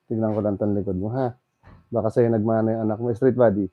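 A man working as a bone setter, calmly coaching a client to relax, breathe in and breathe out. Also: on the low side, fast, dry recording, narrow, tinny audio. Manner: coaxing, repeats calm instructions. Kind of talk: guiding a client through a massage.

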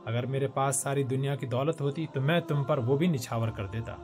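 A man voicing an earnest, protective soldier brother, speaking softly and solemnly in a storybook. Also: mid-range voice, steady tone, soft background music, natural voice.

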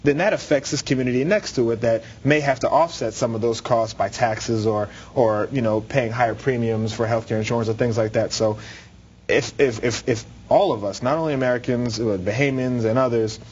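A man's voice: medium pitch, a little fast, darkish tone, slightly rough, lo-fi sound. A young man answering as an interview guest in a TV studio, articulate and explanatory. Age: young adult. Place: TV studio with red curtains. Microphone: lapel mic.

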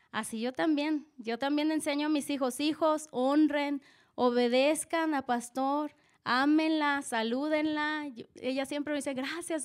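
A woman speaking earnestly at a church service, giving a conversational sermon-style testimony with frequent restarts. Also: high-pitched.

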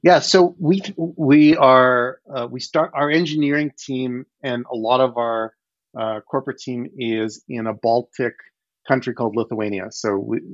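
This is a casual video-call interview with a man in his forties, originally from Ukraine, who runs a startup and is calling from his home living room. He explains things with animated gestures and frequent restarts in a medium-pitched voice, and his headset mic gives dull, dry audio.

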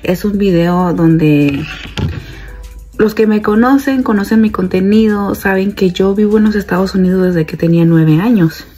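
Speaking at a moderate pace in a mid-range, dark-toned voice, this thirtysomething mom vlogger chats to her phone camera at home while soft music plays behind her. She's a stay-at-home mother who calls her audience "girls," filming indoors in her kitchen and bedroom with the phone held out at arm's length.

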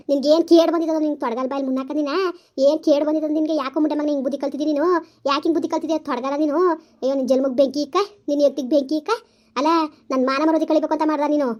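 A woman's voice: high-pitched, lightly acted. A woman playing a furious village mother-in-law who curses and repeats insults. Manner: loud, cursing, repeating insults. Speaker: village skit actor. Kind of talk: village comedy skit acting.

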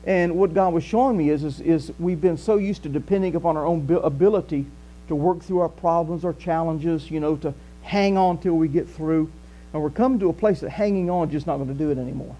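Brisk and fairly high-pitched, an older man with a Southern accent leads a conversational sermon as pastor of a small church hall. He walks the stage with lively gestures, and there's a faint mains hum on the recording.

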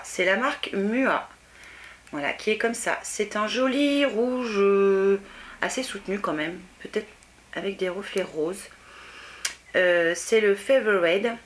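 Young female vlogger, casual unboxing chat, mid-pitched, self-mocking, slight background noise. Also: a bit bright. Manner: chatty, self-deprecating, many fillers. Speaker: beauty vlogger.

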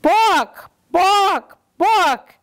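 A woman voicing a bored, bossy female hen who clucks in high squawks. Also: animated, very slow, fairly bright tone, full character voice. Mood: clucking.

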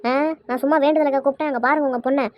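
A woman voicing a bossy, quick-tempered mother in a cartoon, scolding nonstop, with a Kanyakumari Tamil accent. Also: high voice, fairly even intonation, no echo, lo-fi sound, close to an everyday voice. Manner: scolding, rapid-fire.

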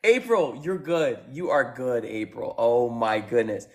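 A man hosting a livestream, repeating phrases and shouting countdowns to rally his viewers. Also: medium pitch, measured pace. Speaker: livestream host. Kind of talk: hyping viewers during a live battle. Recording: echoey room with faint music.

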